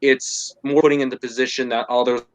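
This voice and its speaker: A man of medium pitch talks casually as a podcast co-host. He drives his points home by repeating phrases. The recording is dry, with no room sound. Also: little pitch movement, brisk, no room sound, rough recording. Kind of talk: casual discussion.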